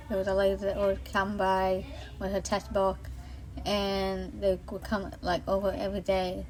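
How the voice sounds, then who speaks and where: Her voice is medium-pitched and darkish, captured in poor audio on an iPhone. She's a vlogger in her late thirties from the Boston area with a Boston accent, telling her personal faith story casually, earnestly and ramblingly, with plenty of fillers and restarts.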